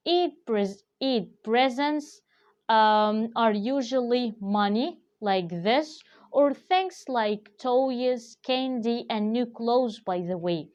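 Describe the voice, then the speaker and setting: A woman teaching English vocabulary, explaining slowly and carefully with frequent fillers. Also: a little high, a little mellow. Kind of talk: vocabulary lesson. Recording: dull lo-fi recording.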